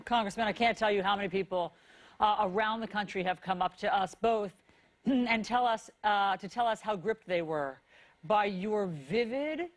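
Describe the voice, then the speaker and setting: Quick-talking female news anchor. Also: mid-range voice. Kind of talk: morning news interviewing.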